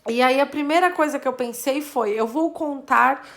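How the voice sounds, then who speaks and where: A woman's voice: sits high, normal speed. A woman teacher talking casually to her students, thinking aloud and counting syllables and letters as she works through math puzzles. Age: adult. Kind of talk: casual video lesson explaining math puzzles.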